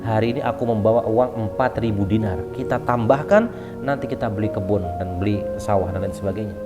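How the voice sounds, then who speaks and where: A male preacher voicing a devout older husband, soft and earnest, inside a sermon story. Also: lowish voice, a little fast, over music, voice pushed down, lightly acted.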